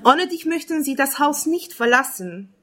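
A woman's voice: sits high, expressive, a bit bright. Woman reading spoken-word poetry. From Romania. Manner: measured, earnest, second-person address.

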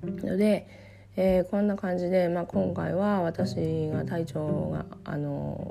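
A Japanese woman giving a relaxed English lesson while getting over a cough, with a hoarse voice and lots of fillers. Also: fairly low pitch. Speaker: English teacher. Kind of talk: casual spoken lesson. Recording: guitar music playing behind.

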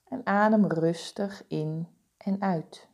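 A woman guiding a body-scan meditation with slow, soothing, calm instructions. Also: mid-range voice. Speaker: meditation guide.

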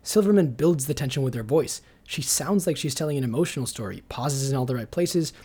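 A man reading a scripted narration in a measured, analytical way. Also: mid-range voice, animated, dark tone, breathy edge. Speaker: video essay narrator.

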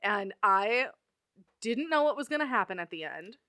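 Young female co-host, casual, sharp bright tone, close dry sound. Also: mid-range voice, very animated, normal speed, no room sound. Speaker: podcast co-host. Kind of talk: casual chat.

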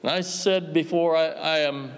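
American guy preaching a church sermon, pretty high voice, big echoey hall, really emphatic, asks rhetorical questions. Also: steady tone, noisy background. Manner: emphatic, exhortatory, with rhetorical questions and deliberate pauses. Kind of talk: revival-style church sermon. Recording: echoey hall with long reverb.

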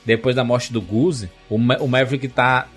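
A man with a Brazilian accent and a husky voice, chatting casually in slang and jokily acting out bits of dialogue. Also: mid-range voice, fairly even intonation, moderate pace, over music. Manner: jokey, acts out quoted dialogue. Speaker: podcast panelist.

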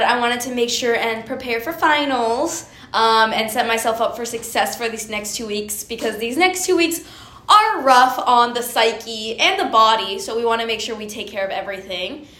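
Bright, upbeat young woman in echoey room. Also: on the high side, normal speed. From Honduras. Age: young adult. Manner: upbeat, playful and teasing, laughs easily. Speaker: podcast co-host, student community leader. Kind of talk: casual podcast chat.

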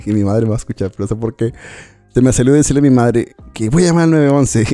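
A man's voice: medium pitch, expressive, quick pace, mellow, no echo, soft background music. A man raised in the United States, co-hosting a casual conversation, rambling and laughing often as he acts out stories. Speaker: podcast co-host.

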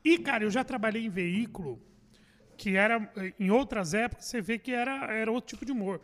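A man's voice: high voice, brisk, a bit bright, long reverb tail. A middle-aged man, a comedy writer and guest, chatting casually and swearing freely as he acts out the reactions he quotes. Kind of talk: casual podcast chat.

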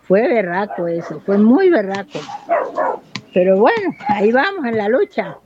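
A woman's voice: mid-range voice, sing-song, a little slow, muffled recording, background noise. A woman in her fifties from Buenaventura, Colombia, giving an earnest, impassioned interview about her life and community. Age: 50s. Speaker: local resident. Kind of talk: interview testimony.

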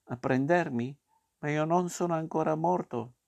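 A man's voice: medium pitch, steady tone, a little slow, gravelly, a little mellow. A man reading a storybook aloud and voicing a stubborn, whiny wooden puppet boy in a raised voice. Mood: frightened. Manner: whiny, protesting.

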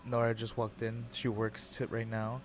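A man's voice: medium pitch, monotone, moderate pace, slight background noise. A man in his twenties hosting a casual podcast chat, rambling and repeating himself as he feels out his point. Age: 20s. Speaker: podcast host.

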